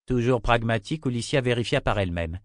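A man reading a fantasy novel aloud as an audiobook narrator, in a steady, even storytelling manner. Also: mid-range voice, quick pace, dry recording, clean studio sound. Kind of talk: scripted narration.

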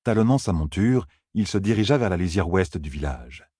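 A man narrating a fantasy audiobook in a dramatic, expressive reading on a close mic. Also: deep voice, normal speed, breathy edge, no room sound.

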